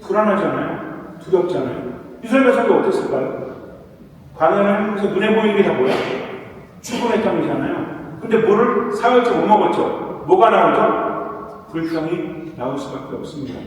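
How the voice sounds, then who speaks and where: A man's voice: sits high, lively intonation, a little fast, slight background noise. A man from South Korea, a priest giving a sermon-style talk to his parish, often asking the audience questions and answering them himself. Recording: echoey hall recorded from far off.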